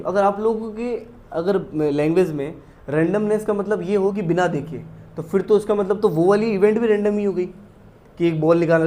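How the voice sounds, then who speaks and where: A man with an Indian accent teaching a maths lesson. He explains step by step, reads English definitions slowly and keeps asking his students if it is clear. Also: high-pitched, dark tone. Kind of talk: classroom lecture mixing Hindi and English.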